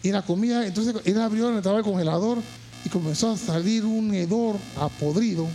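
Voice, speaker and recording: A man preaching a sermon, moving from quiet storytelling to shouted, impassioned high points and repeating phrases for emphasis. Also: brisk, faint music behind. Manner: repeats words and phrases while telling a story.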